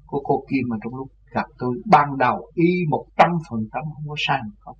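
Guy telling his own story, lively, laughs a lot, dull lo-fi sound with faint hiss. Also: mid-range voice, brisk. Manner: animated, laughs often, voices others in his tale. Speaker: religious storyteller. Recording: lo-fi with faint background noise.

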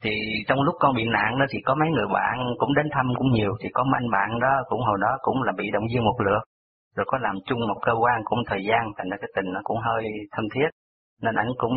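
Fast-talking Southern Vietnamese man on a phone line. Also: on the low side, husky. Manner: rambling, detail-heavy storytelling. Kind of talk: recounting a personal story. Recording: tinny phone line on radio.

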